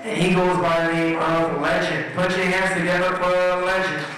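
A man's voice: high voice, little pitch movement, normal speed, heavy background noise. A man hosting an open mic, introducing the next performer to the crowd. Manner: announcing to a crowd. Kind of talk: stage introduction. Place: small poetry theater stage. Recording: echoey room, distant mic.

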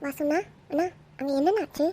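A woman playing a high, quick teasing young man. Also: very noisy, natural voice. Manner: mischievous, quick.

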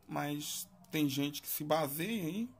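A man casually reviewing a smartphone for his vlog, talking in a chatty, halting way with frequent tag questions. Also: on the high side, slightly rough. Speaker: tech reviewer.

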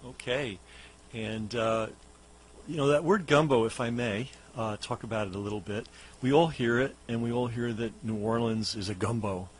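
A hoarse man who is losing his voice, a radio guest telling music history in a loose, explanatory way with many fillers. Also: mid-range voice, normal speed, poor audio. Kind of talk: casual radio history talk. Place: radio studio.

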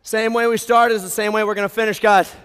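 High-pitched American gym-bro fitness coach, man. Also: little pitch movement, fast, fairly bright tone, smooth. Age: 20s. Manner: gym-bro, hyped, motivational; exerting himself while talking. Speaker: fitness instructor leading a group workout. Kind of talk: workout coaching with cues and countdowns. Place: large brick warehouse gym, indoors. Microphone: headset. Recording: reverberant large hall.

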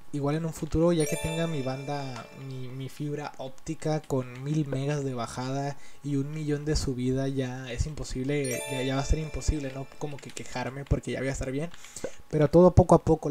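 A man with a Mexican accent chatting casually over gameplay as a gaming YouTuber, rambling and complaining in an annoyed way. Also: fairly high pitch.

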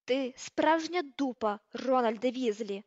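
Brief: woman narrator doing a fierce teen witch girl, high shrill scolding shouts, dry slightly dull recording. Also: measured pace, no room sound, close to an everyday voice. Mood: furious shouting. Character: furious teenage girl witch, fierce and sharp-tongued.

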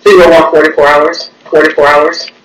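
A dispatcher's voice comes over a two-way security radio, high-pitched and very flat as he reads out codes and times. The sound is distant and echoey, with loud static behind it. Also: normal speed. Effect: two-way security radio transmission.

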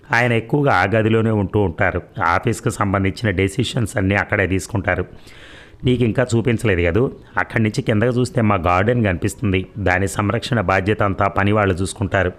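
A man's voice: fairly low pitch, natural voice. A man voicing a dutiful young daughter-in-law in a storybook reading, speaking patiently and respectfully. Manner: patient, respectful, soft-spoken.

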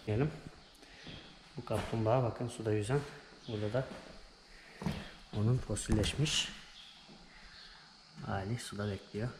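A man's voice: on the low side, fairly even intonation, measured pace, long pauses. A young man vlogging as he walks through a small museum, naming the exhibits one after another in short bursts. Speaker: travel vlogger. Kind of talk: casual guided walkthrough. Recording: echoey room, noisy background.

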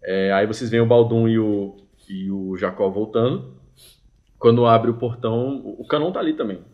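A man in his thirties with a Brazilian accent, casually narrating a tabletop game as game master in an animated, colloquial way. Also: fairly low pitch, moderate pace, lo-fi sound. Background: background music.

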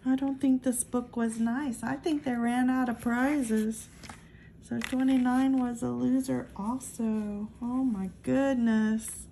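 A woman's voice: fairly high pitch, fairly even intonation, vocal fry, dark tone, slight background noise. A woman casually calling out the numbers one by one as she scratches lottery tickets at a table. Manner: slow, calls out numbers one by one.

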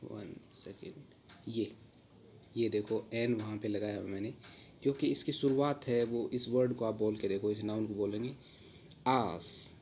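Male tutor, unhurried explainer, patient, repeats key words, faint hiss behind. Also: lowish voice, steady tone. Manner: patient, repeats words slowly with many fillers. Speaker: English grammar teacher. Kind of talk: slow explanatory lesson.

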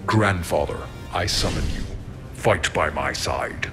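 Masked male villain played by a man for a film parody: low, unhurried, commanding, menacing. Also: music in the background. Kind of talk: hobby film parody acting.

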